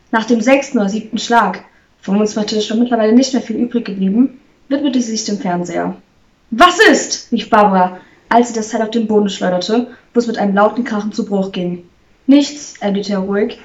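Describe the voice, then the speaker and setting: A woman reading a short story aloud at a steady pace, with a few slips and restarts. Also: mid-range voice. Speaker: reader. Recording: slightly distant, muffled recording.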